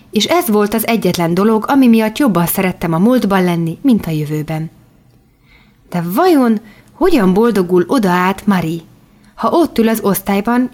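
A woman reading an audiobook in the first person, with calm, measured storytelling. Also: fairly low pitch. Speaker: audiobook narrator.

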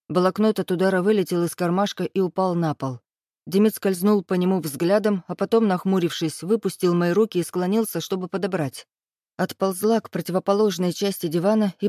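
Mellow woman narrating a novel. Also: on the low side, dry recording, clean studio sound. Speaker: audiobook narrator. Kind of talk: first-person novel narration.

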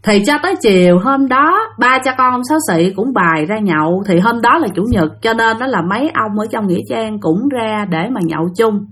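A woman's voice: fairly high pitch, expressive, normal speed, few pauses, fairly bright tone. Woman storyteller, Southern Vietnamese accent, chatty spoken ghost-story narration addressed to listeners.

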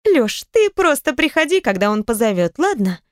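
A woman voicing a lively, bossy, caring middle-aged stepmother in an audiobook, high and animated in her scolding. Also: normal speed, dry recording, studio quality. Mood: pleading.

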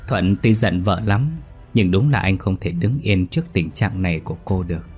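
Man, horror story narrator, low voice, husky, faint background music. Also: moderate pace, darkish tone.

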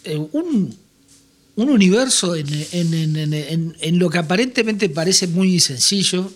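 A man with a Rioplatense Spanish accent hosting a music radio show, chatting casually and haltingly with many restarts. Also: high-pitched, animated.

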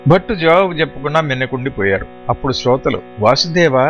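A male audiobook narrator tells the tale steadily and explains as he goes. His voice sits at an ordinary pitch. The recording is dull and lo-fi, with faint music behind him. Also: moderate pace, fairly bright tone. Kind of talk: scripted narration.

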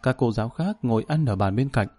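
Mellow male audiobook storyteller. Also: medium pitch, expressive, fast. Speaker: storyteller reading a novel. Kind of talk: audiobook narration.

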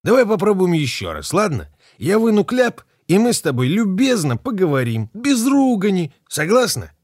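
Man doing a rough, weary mutiny leader. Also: sits high, huge pitch swings, moderate pace, a little mellow, no room sound, studio quality, pitched above the performer's own voice, exaggerated voice. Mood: pleading. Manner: pleading, weary. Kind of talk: audiobook character voice.

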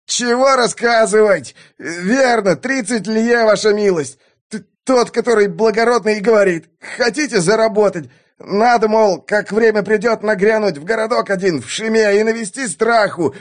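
A man's voice: high-pitched, moderate pace, pitched above the performer's own voice, lightly acted. A man reading an audiobook, voicing a lanky captured thug who squeals, stammers and sobs his pleas. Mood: terrified, pleading. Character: lanky terrified male hired thug, captive. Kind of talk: audiobook character voice.

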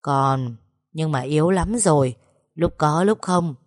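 A woman's voice: low-pitched, slow, no room sound, clean studio sound. A woman voicing a stern old village man who barks curt, scolding orders. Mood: gruff urgent.

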